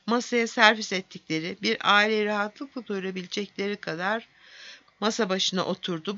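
A woman narrating a fantasy audiobook in a steady storytelling manner. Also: medium pitch, no echo, muffled recording.

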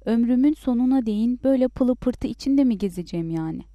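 A woman's voice: fairly high pitch, lively intonation, quick pace, dark tone, dry recording, dull audio, natural voice. A woman voicing a stubborn, pleasure-loving young peasant husband in a storybook, talking insistently. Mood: whining. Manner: insistent, defiant.

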